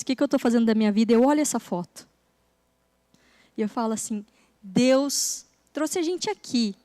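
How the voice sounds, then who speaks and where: A woman preacher telling a personal story during a church service, acting out the conversations in a soft voice. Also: a little high. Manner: storytelling, acting out dialogue softly. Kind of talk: sermon testimony.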